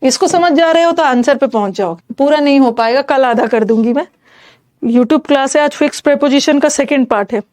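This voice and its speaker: High-voiced woman teaching grammar. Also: fairly quick, darkish tone. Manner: explains in Hindi mixed with English terms, questions students directly. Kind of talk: exam-prep grammar lecture.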